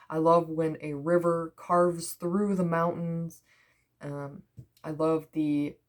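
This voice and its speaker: Woman, low-pitched, from the Midwest, young adult, gentle and reassuring card reader, chatty. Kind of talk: spiritual card reading.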